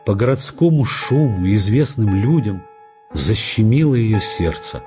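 A man narrating a literary audiobook in an expressive, measured way. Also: fairly low pitch, highs cut off, over music.

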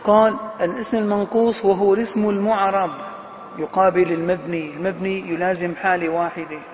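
A high-pitched male professor gives a fairly quick classroom grammar lecture in a steady tone, asking his students questions and answering them himself while drawing out key words for stress. His voice rings with long hall reverb over a faint hiss.

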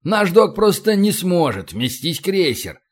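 A man's voice: high voice, big pitch swings, measured pace, pitched above the performer's own voice, exaggerated voice. A man voicing an evasive, fawning male governor who mumbles apologetically in an audiobook. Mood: placating.

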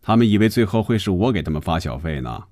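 Man voicing a deep-voiced, teasing salesman for a radio serial, dry close sound. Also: expressive, fast, darkish tone, no room sound. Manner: coaxing and joking. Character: glib male salesman, easygoing and teasing.

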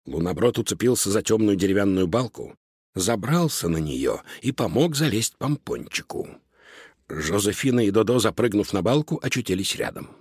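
A man narrating a children's storybook in an expressive, lively reading. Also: lowish voice, normal speed, husky, no room sound, clean studio sound. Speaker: audiobook narrator.

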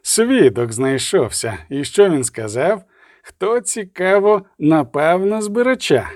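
A man's voice: a little high, big pitch swings, slow, darkish tone, no room sound, clean studio sound. A man voicing an irritable, imperious bishop in an audiobook. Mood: irritated. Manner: imperious, snappish. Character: irritable arrogant male bishop.

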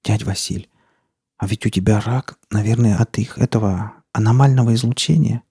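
Timid young woman voiced by a man, raised husky voice, anxious questions, dry close audiobook sound. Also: lowish voice, moderate pace, mellow, no echo. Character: frightened young village woman. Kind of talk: audiobook character voice.

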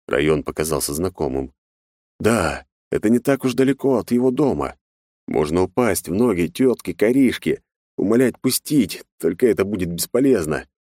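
A man's voice: sits low, a little mellow, dry recording, clean studio sound. A man narrating a fantasy audiobook in a tense, dramatic reading. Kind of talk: scripted narration.

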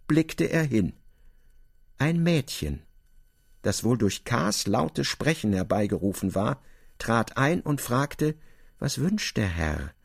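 A man giving expressive scripted narration in a literary radio drama. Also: fairly high pitch, gravelly, slightly rough, no room sound, clean studio sound.

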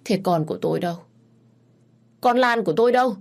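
A woman's voice: lowish voice, normal speed. A woman voicing a distraught mother who cries out for her lost daughter in a story. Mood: frantic. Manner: wailing, pleading.

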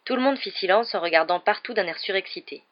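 A woman reads a storybook aloud in a calm, steady voice at an everyday pitch. The recording sounds dull and somewhat lo-fi. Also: quick pace. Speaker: storybook reader. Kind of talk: reading a novel aloud.

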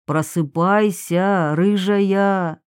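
A woman voicing a calm grown man, a gently teasing husband, speaking low and softly in an audiobook. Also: no echo, studio quality, lightly acted. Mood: gentle. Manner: low, soft and unhurried.

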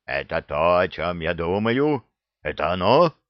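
A man's voice: extremely low pitch, takes it slowly, no echo, muffled recording, pitched below the performer's own voice, full character voice. A man voicing a stern old male orc clan elder who growls and scolds. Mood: stunned.

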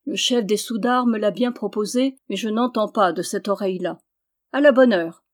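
Reading an audiobook, a woman takes on the part of a shy young peasant man courting someone, stammering humbly in a rustic way. She has a mid-range, natural voice and keeps a moderate pace.

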